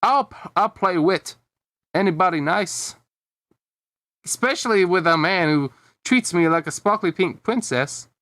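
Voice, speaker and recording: A man's voice: sits high, animated, unhurried, bright, forceful tone, no echo, voice pushed up, exaggerated voice. A man voicing a sweet, cheerful little girl tomato in a sing-song manner.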